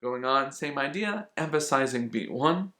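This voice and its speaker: A man's voice: mid-range voice, animated, normal speed, bright, forceful tone, soft background music. A man talks through a flute solo as a teacher, patient and methodical. He repeats his key points to drive them home, with a mid-range voice that sits in an everyday register. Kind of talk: instructional explanation.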